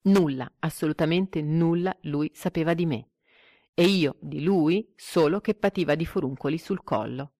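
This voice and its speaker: A woman reading a literary story aloud in a measured, expressive way, giving the quoted dialogue some life. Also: deep voice, no room sound, studio quality. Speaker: narrator.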